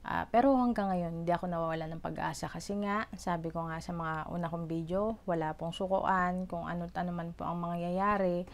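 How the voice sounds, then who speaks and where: A woman's voice: on the low side, steady tone, fairly quick. A middle-aged woman from the Philippines, a mother vlogging about her child, telling her story in an earnest, rambling way with many fillers and acted-out quotes. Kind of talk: personal vlog storytelling.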